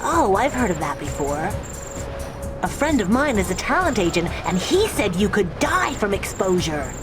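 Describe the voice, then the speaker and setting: A woman's voice: mid-range voice, sing-song, moderate pace, natural voice. A woman voicing a cocky, carefree skateboarder boy in a cartoonish video game, with breezy, exclamatory slang. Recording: loud music over game dialogue.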